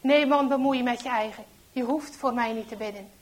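A snarling, shouting traitor, as a woman puts him on. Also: on the high side, normal speed, natural voice. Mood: snapping. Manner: shouts and snaps harshly. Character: furious male wartime traitor, shouting and snarling.

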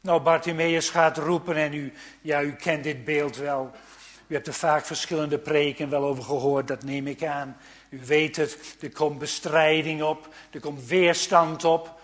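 A man preaching a sermon, swinging between fervent raised passages and hushed, quiet ones. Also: on the high side, big-room sound.

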